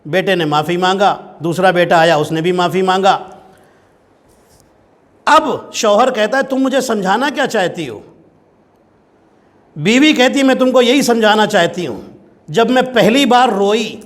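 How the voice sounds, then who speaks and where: High-voiced male preacher telling a story. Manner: storytelling, acting out family dialogue, emphatic. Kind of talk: majlis sermon with storytelling. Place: mosque hall.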